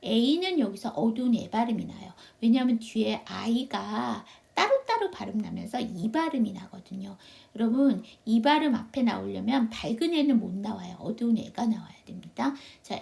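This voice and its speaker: A woman's voice: on the high side, lively intonation, moderate pace, vocal fry, hardly any pauses, warm tone. A woman English teacher giving an online phonics lesson, asking her students questions and answering them herself in a patient, step-by-step way. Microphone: video call.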